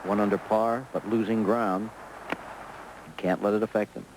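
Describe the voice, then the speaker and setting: A man's voice: lowish voice, steady tone, moderate pace, background noise. A man giving golf commentary in short, exclamatory remarks on an outdoor broadcast.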